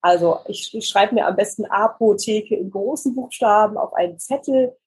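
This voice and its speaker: Breathy female voice coach and news presenter, calm, explanatory delivery. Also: mid-range voice, normal speed, low-quality recording. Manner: calm, explanatory, demonstrates exercises. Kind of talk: explanatory podcast interview.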